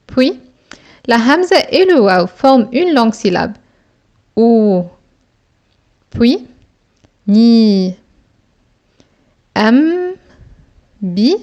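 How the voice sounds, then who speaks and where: A woman teacher walks through a reading lesson at an extremely unhurried pace, breaking every word into separate syllables. Her voice sits a little high and stays careful and deliberate throughout. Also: darkish tone, lo-fi sound. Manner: slow, deliberate, sounding out each syllable.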